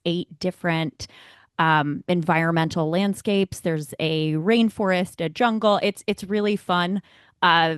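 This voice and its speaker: A woman co-hosts a podcast, chatting casually and stressing her opinions. Her voice is on the low side with a clean tone, recorded in a clean studio with no room sound.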